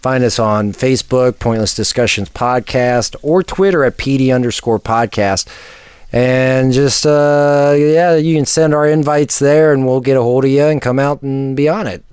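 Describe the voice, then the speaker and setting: A man's voice: medium pitch, normal speed, a little mellow, clear, resonant tone, dry recording, studio quality. A man hosting a podcast in a casual, rambling, offhand way. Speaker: podcast host.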